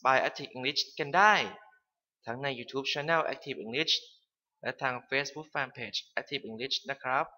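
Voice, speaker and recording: A man narrating a scripted English lesson for parents, polite and clear, reading the English phrases slowly. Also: medium pitch, pushed and bright.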